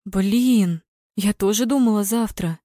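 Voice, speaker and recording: Woman doing an excitable squealing young woman fan. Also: on the high side, a little slow, dry recording, studio quality, pitched above the performer's own voice, natural voice. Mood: excited. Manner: squealing, exclaiming.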